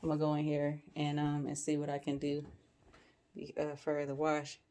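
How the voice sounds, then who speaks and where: A woman vlogging at home as a new parent, retelling a messy moment in an animated, incredulous way. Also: deep voice, normal speed. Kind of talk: casual vlog storytelling. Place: home, bathroom sink and nursery.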